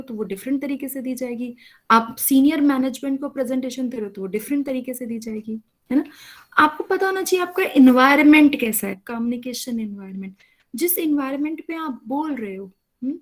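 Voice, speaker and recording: Woman lecturer, slightly high voice, patient online class explainer on a video call. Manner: explains patiently, often checks with "है ना?". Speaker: college teacher.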